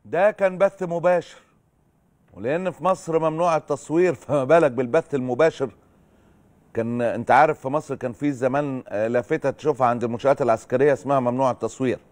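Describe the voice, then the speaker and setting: A man's voice: medium pitch, quick pace, a little mellow. A middle-aged Egyptian man hosting a political commentary show, sarcastic and indignant in his narration. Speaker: host.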